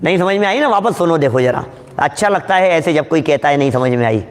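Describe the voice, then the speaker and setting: A man's voice: fairly high pitch, animated, a little fast, long reverb tail. A man giving a religious scripture discourse to an audience, explaining step by step and often questioning his listeners. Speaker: scripture teacher.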